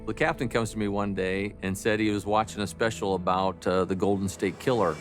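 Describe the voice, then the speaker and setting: A man speaking as a detective in a documentary interview, recounting case facts in deliberate, official phrasing. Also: on the low side, fairly even intonation, over music.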